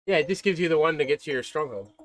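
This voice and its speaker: A man's voice: a little high, animated, racing, dry recording, low-quality recording. A man hosting a casual gaming stream, drifting between remarks with offhand comments and the odd curse.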